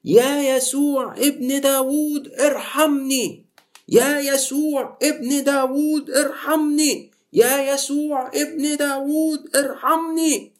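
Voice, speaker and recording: A man voicing a desperate blind beggar, who cries out for mercy in long, drawn-out pleas. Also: very high-pitched, fairly even intonation, voice pushed up. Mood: pleading cry. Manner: loud, drawn-out pleading cries.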